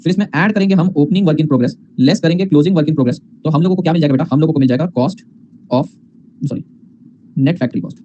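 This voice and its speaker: A man's voice: fairly high pitch, fast talker, warm tone, muffled recording, a little hiss or hum. A man teaching accounting in a class lecture, mixing in English terms, calling students "beta" and asking questions he answers himself.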